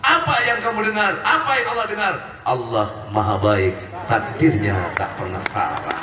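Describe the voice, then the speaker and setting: A man's voice: mid-range voice, sing-song, normal speed, a crowd in the background, noisy background. A man preaching a sermon to a congregation, emphatic, often firing questions at his listeners. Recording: echoey hall, distant mic.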